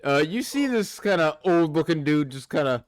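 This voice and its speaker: A man's voice: a little high, animated, moderate pace, no echo, studio quality. A young man narrating as game master, casual and offhand with swearing.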